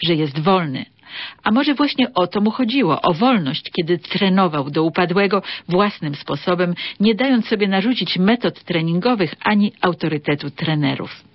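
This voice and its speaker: A woman hosting a literary radio show, reading a scripted review in a measured, precise way. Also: on the low side, no echo. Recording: slightly dull radio sound.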